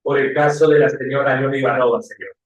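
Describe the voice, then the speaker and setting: A man's voice: mid-range voice, steady tone, brisk, highs cut off, close to an everyday voice. A man doing a curt, formal civil guard. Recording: echoey room.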